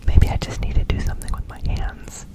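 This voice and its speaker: A man hosting ASMR in a breathy, unvoiced whisper, rambling casually and repeating words in rhythmic runs. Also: brisk. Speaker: ASMR video host.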